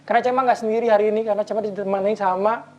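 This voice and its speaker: A woman's voice: medium pitch, steady tone, very fast, darkish tone, lo-fi sound. A young adult woman hosting a casual TV interview, chatty and upbeat as she turns to the viewers. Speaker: TV show host.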